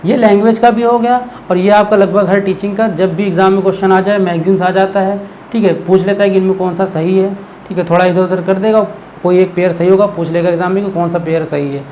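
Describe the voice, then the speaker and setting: A man teaching an exam-prep class at a brisk, rapid clip. His voice sits high for a man. He keeps the lesson casual, answers his own questions and checks in with a steady "okay?". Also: slight background noise. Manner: explains by asking himself questions, keeps adding "okay?"; relaxed, conversational teaching tone.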